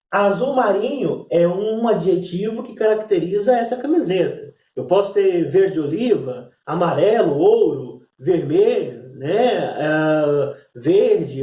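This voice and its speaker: A man's voice: high voice, dark tone, reverberant, recorded from a distance. A man teaching a class, explaining step by step and checking in with "né?" as he goes. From Brazil. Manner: explanatory, repeats "né?" and "então". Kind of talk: recorded class lesson.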